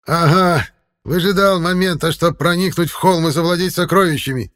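A furious old fairy counselor, voiced by a man, shrieks for blood. His voice is pushed very high and loud. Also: normal speed, close to an everyday voice. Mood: vengeful. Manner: shouting, vengeful.

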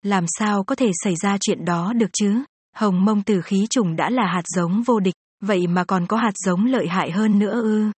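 A learned academy elder , read by a woman, calmly laying out an explanation in a fantasy audiobook. The tone is soft and breathy, with a dry, close sound at a middle pitch. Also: no echo, close to an everyday voice.

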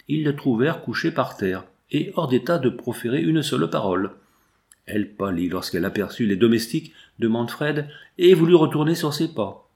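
A man narrating a classic novel in a measured, formal reading style. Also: mid-range voice, darkish tone. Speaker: audiobook narrator.

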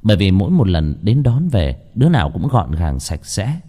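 A man narrating a horror story in lively, colloquial storytelling. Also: low-pitched, normal speed.

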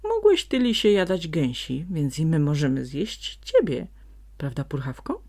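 A woman voicing a calm, wily male donkey who speaks steadily and firmly while pretending to threaten. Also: deep voice, a little slow, heavily acted. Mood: mock-threatening. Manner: steady and firm, feigning menace.

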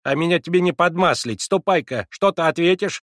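A man's voice: on the high side, a little fast, fairly bright tone, no echo, studio quality, voice pushed up, natural voice. A man voicing a domineering old woman servant who scolds a visitor. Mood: scolding. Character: bossy old woman servant guarding the door.

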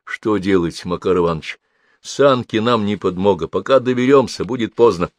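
A man's voice: on the low side, normal speed, no echo, clean studio sound, lightly acted. A man reading the part of a young doctor who speaks urgently and sharply. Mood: worried. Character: young male doctor, tense and quick-tempered.

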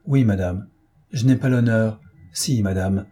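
A man voicing an elegant young gentleman thief who speaks in a composed, courteous, reassuring way. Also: fairly low pitch, unhurried.

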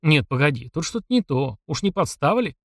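A man's voice: a little high, very animated, fairly quick, no echo, clean studio sound. A man reading an audiobook and voicing a sly, chatty driver in his thirties who teases and questions. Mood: suspicious, teasing. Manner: chatty, teasing, probing.

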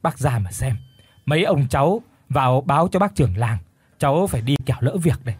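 A man's voice: medium pitch, animated, brisk, darkish tone, slightly rough. A man voicing a frightened village woman who stammers and trembles as she speaks. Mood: panicked.

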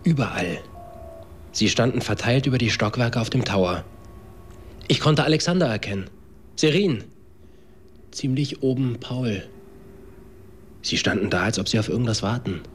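In a German radio drama, a male actor plays a cocky young man giving a confessional account of events in a slangy, clipped, matter-of-fact way, his mood one of uneasy recall. His medium-pitched, natural voice is animated at a normal speed with long pauses. Music plays behind him, along with slight background noise.

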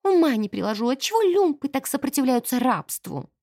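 A woman's voice: sits high, big pitch swings, fairly quick, dark tone, no room sound, studio quality, exaggerated voice. A woman voicing a spoiled, haughty rich young woman who chatters and gossips. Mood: chatty.

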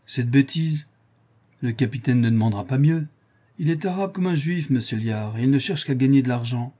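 Man puts on a frank superstitious sailor, salty, raised and husky. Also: medium pitch, expressive, moderate pace, warm tone, pitched above the performer's own voice, natural voice. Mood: scornful. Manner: blunt, salty, earnest. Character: frank superstitious old-time male sailor.

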